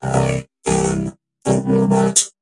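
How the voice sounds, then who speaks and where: A synthesized robot voice speaking as a cold, mechanical android, with a clipped, monotone machine delivery. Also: very slow, faint music behind. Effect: robot voice filter.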